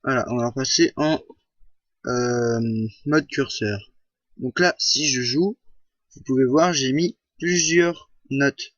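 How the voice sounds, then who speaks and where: A man walks through a software tutorial at a slow, unhurried pace. He hesitates often and corrects himself mid-sentence. The recording is dry and a little dull, made at a home computer. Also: medium pitch, dry recording. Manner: slow, hesitant, many fillers and self-corrections.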